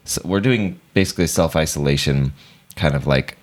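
Very deep-voiced man rambling casually. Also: normal speed. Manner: rambling, restarts often, hedging fillers. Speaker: podcast co-host. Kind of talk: casual chat.

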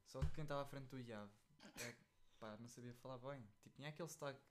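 A man's voice: mid-range voice, quick pace, noisy background. A young man with a European Portuguese accent, co-hosting a podcast in a rambling, joking, slangy way. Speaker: podcast co-host. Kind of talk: casual chat.

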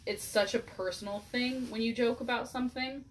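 A woman's voice: on the high side, fairly even intonation, brisk, a little hiss or hum. A woman in casual chat, talking bluntly with heavy swearing.

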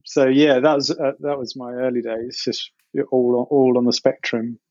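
A middle-aged man with an Essex accent talks through his memories in an informal interview. His pitch is average and he halts now and then to think aloud. The sound is very dry and a little muffled. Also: steady tone, normal speed, darkish tone, no room sound. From Essex, England. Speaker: interview guest, game industry producer. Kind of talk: casual personal recollection.

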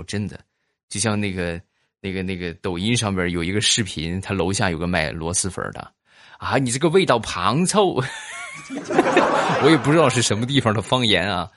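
A man's voice: fairly low pitch, fairly bright tone, no room sound, studio quality. A man hosting a podcast, telling funny stories and reading listener comments while teasing his audience. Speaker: podcast host.

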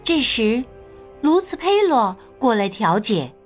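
A woman storyteller gently and expressively reading a picture book aloud to children. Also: on the high side, very animated, slow, faint music behind.

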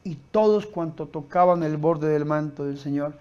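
A male preacher with a high-pitched voice delivers his sermon with fervent emphasis. He repeats key phrases, pushing them louder, and acts out the voices in the stories he tells. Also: moderate pace, clean tone, lo-fi sound. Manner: emphatic, rising to loud repetitions.

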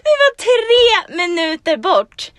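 Lively high-pitched woman telling a story. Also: dry recording. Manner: animated, laughing, acts out dialogue. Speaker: podcast host. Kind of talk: casual storytelling chat.

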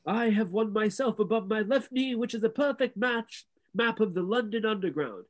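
A man doing an old, wise wizard with a calm, measured and gently wry manner. The voice sits high, well above the reader's own, and sounds a touch distant. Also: lightly acted.

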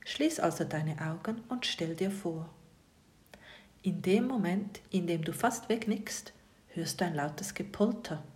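A woman reads a bedtime story in a soft, often whispered voice. Her intonation is lively and melodic, and she speaks straight to the listener. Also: lowish voice, measured pace.

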